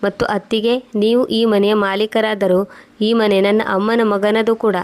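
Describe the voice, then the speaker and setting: A woman voicing a loving young married daughter, read in a flat, even way. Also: medium pitch, unhurried, natural voice. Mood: pleading.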